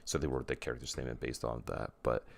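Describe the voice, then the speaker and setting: A man's voice: rumbling low, flat delivery, fast, gravelly, no echo. A man co-hosting a casual chat podcast, rambling and often restarting his sentences. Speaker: podcast co-host.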